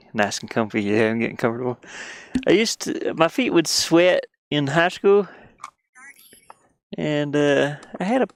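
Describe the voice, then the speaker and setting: Working on a livestream in his van, a game developer rambles and thinks out loud in casual chat. His fairly high, expressive voice moves a little slowly with many pauses, recorded dry and studio-clean, though a diesel heater fan hums and clicks behind him.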